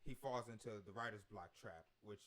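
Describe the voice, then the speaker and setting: A man's voice: on the low side, fairly quick, a bit bright. A man hosting a casual podcast chat, talking in a rambling way with many restarts. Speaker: podcast host.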